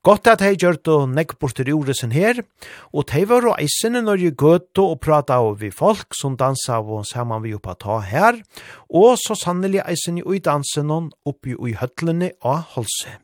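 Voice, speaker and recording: A man with a Faroese accent presenting a radio show in a relaxed, chatty way, with small hesitations. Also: on the high side, no echo, clean studio sound. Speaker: radio host.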